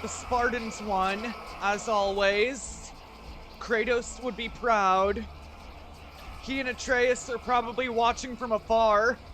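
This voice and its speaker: Guy streaming a game, high bright voice, loose chatty talk w/ chat, swears a lot. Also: fairly even intonation, takes it slowly, slight background noise. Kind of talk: casual gameplay commentary.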